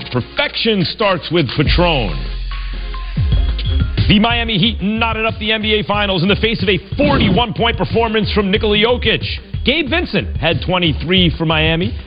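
A man's voice: high-pitched, highs cut off. A man hosting a sports show, reading scripted sports news.

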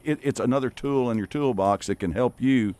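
A man's voice: mid-range voice, fairly quick, darkish tone. Folksy man co-hosting outdoor radio. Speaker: radio show co-host. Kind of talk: casual radio outdoor talk.

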